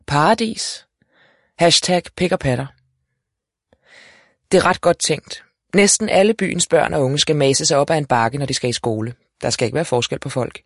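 A man narrating a first-person storybook in a lively, wry way. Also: on the high side, no room sound, clean studio sound. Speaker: audiobook narrator.

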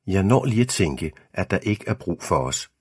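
Deep husky male audiobook reader. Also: sing-song, no echo, clean studio sound. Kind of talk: scripted first-person audiobook narration.

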